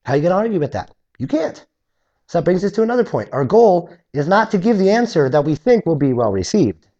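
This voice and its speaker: Animated man teaching scripture. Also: on the high side, quick pace, muffled recording. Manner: animated, acts out objectors in voices; conversational, with restarts. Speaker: preacher. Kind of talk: expository Bible teaching.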